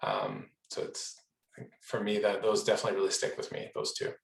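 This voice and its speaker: A man's voice: low voice, sing-song, fairly quick, vocal fry, echoey room, poor audio. A man taking part in an online workshop discussion, speaking reflectively and hesitantly with frequent ums, over a video call. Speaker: program participant.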